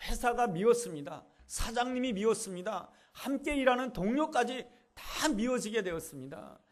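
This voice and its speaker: A man's voice: very high voice, lively intonation, normal speed. A male pastor preaching a sermon, telling a story with earnest, repetitive emphasis.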